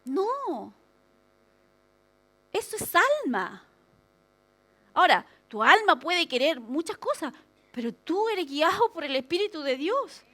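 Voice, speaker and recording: Lady pastor preaching, high voice, acts out little quotes, jokey asides. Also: sing-song, a little slow, a bit bright. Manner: humorous asides. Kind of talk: sermon.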